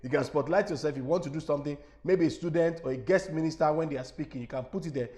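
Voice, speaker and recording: A man with a Nigerian accent giving an instructional webinar as an evangelist, animated and repetitive, often checking whether his listeners follow. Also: a little high, fast. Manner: animated, repetitive teaching with rhetorical questions.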